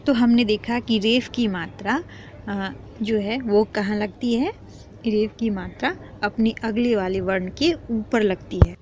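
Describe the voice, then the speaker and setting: A woman teaching parents a spelling lesson, speaking slowly and patiently and repeating each sound. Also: mid-range voice, a little mellow. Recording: dull lo-fi with faint noise.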